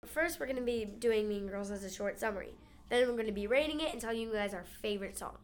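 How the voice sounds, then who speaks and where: A young woman with a fairly high voice co-hosts a theater segment. She reads from notes in a plain, announcing way. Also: fast, slight background noise. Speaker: musical theater segment co-host. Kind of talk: semi-scripted segment presenting.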